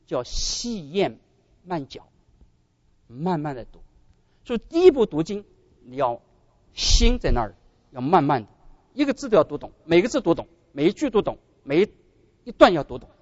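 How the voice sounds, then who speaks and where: A man preaching a sermon as pastor, animated and often addressing his brothers and sisters. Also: fairly high pitch, no room sound, lo-fi sound.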